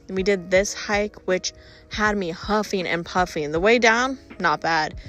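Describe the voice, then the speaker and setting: A woman narrating her travel vlog in a chatty, upbeat voice-over. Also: lowish voice. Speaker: travel vlogger.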